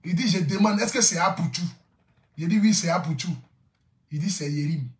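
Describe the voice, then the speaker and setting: A man's voice: high voice, moderate pace, echoey room. A man telling a story to camera, laughing often and repeating lines for effect. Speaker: social media influencer.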